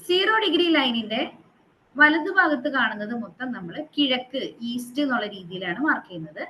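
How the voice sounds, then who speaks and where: A woman's voice: a little high, expressive, brisk, pushed and bright, a little hiss or hum, poor audio. A woman teaching a geography class who quizzes her students and repeats the figures to drill them, mixing in English terms.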